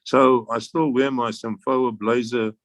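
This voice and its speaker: Mid-range and steady, his voice moves at an unhurried pace, recorded dry. He is an elderly South African air force veteran, a guest in an interview, wandering through memories with frequent chuckles and false starts.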